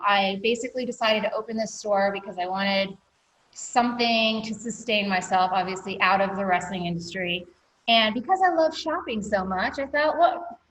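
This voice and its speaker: A woman's voice: mid-range voice, fairly bright tone, poor audio. A woman guest on an interview podcast, telling her story candidly with many ums and a catch of emotion in her voice. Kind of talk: reflective personal storytelling.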